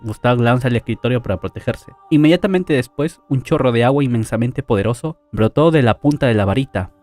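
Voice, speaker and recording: A man's voice: medium pitch, expressive, a little fast, a little mellow, no room sound, soft background music. A man casually retelling an anime story plot, chatty and full of fillers and tag questions. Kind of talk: casual story recap narration.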